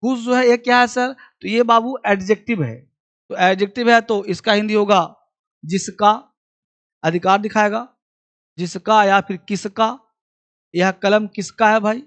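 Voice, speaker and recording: A man's voice: high-pitched, steady tone, unhurried, fairly bright tone. Male grammar tutor, exam coaching, familiar with students, repeats lines for dictation. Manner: repeats key points like dictation; addresses students familiarly as son and kid. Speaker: English grammar teacher. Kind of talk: exam-prep lesson.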